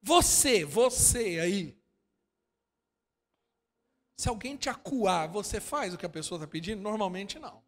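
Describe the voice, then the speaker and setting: A Brazilian pastor preaching a sermon, swinging from quiet asides to loud shouting and firing rhetorical questions at his congregation. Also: high-pitched, expressive, unhurried, pauses often, in a large hall. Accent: Brazilian Portuguese. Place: church hall.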